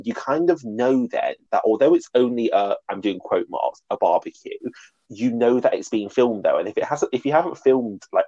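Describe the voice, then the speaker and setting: A man's voice: on the low side, warm tone, husky, no room sound, lo-fi sound. A man co-hosting a podcast, chatting about reality TV in a gushing, chatty way. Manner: chatty and gushing, with frequent laughs and fillers. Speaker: podcast co-host. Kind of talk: casual chat about reality TV.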